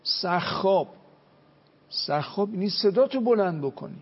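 A man's voice: high voice, expressive, slightly rough, big-room sound, highs cut off. A man, a cleric, giving a religious talk, telling stories and chanting Arabic quotations. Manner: preaching with Arabic hadith quotes, storytelling.

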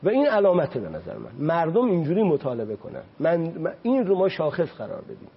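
A man preaches as a religious guest on a talk show with a husky, somewhat high voice. He climbs sharply when he drives a point home and slows right down to recite Arabic lines. The sound is dull and muffled, like an old broadcast. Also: huge pitch swings. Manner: impassioned, rises sharply on points; recites Arabic quotations slowly.

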